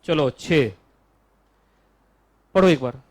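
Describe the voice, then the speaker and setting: A man with an Indian accent teaching a law class, chatty and joking, stretching out key terms slowly. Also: a little high.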